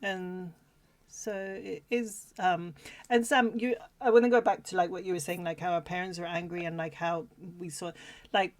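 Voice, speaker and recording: A young woman co-hosting a casual chat, speaking reflectively and haltingly. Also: fairly low pitch, steady tone. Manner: halting, many fillers and restarts, reflective. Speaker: podcast co-host.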